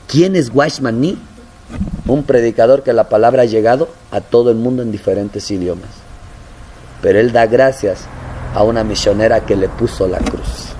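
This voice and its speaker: A man preaching a sermon as a pastor, now and then putting on a high, mocking voice to play his church members. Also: darkish tone, slight background noise. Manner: acts out congregants in a high mocking voice.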